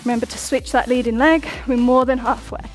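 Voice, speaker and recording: A woman's voice: on the high side, fairly even intonation, fairly quick. Young woman fitness instructor counting down reps, bit breathless, music underneath. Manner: upbeat coaching, counts down reps. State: out of breath at times. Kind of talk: workout instruction over music.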